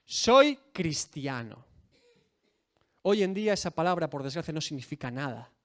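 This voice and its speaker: High, lively-voiced male pastor preaching. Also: fast. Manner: rhetorical questions, dramatic quoting of scripture figures. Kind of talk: sermon.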